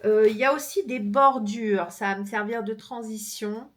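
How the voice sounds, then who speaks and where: A woman's voice: on the high side, moderate pace. A woman crochet vlogger from France chatting casually as she shows her books, with frequent fillers and easy laughter. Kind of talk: casual chat showing books.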